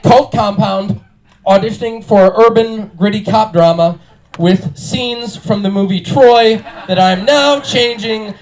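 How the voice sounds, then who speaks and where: A man telling a comic anecdote on stage with a halting, wry build-up. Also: sits high, low-quality recording. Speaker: comic storyteller. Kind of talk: comic storytelling to an audience.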